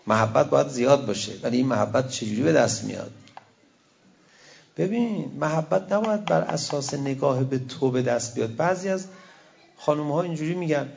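A man's voice: mid-range voice, gravelly, a little mellow. A man, a cleric, giving a conversational sermon with wry asides and quoted verse. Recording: dull lo-fi recording.

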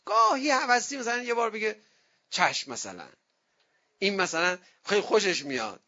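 A man's voice: high-pitched, dull audio. A man, a cleric, giving a conversational sermon on marriage, telling anecdotes and acting out the voices of the people in them. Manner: lively storyteller who acts out quoted voices.

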